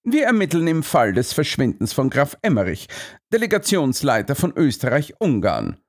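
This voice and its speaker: A man voicing a sharp male detective who asks terse, probing questions in a higher voice than his narration. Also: huge pitch swings, normal speed.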